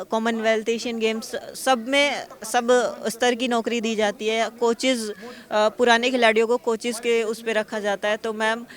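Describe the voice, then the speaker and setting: Excited young woman athlete interviewed on the spot. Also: on the high side. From Uttar Pradesh. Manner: excited, talks fast and earnestly.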